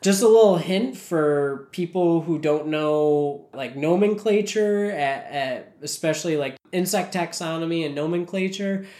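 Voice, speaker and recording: A man with a gravelly voice, getting over a cold, talking casually and informatively as a podcast co-host. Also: a little high, a little slow, few pauses, darkish tone. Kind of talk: casual educational podcast talk. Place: cold whitewashed makeshift studio room. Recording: hollow, echoey bare room.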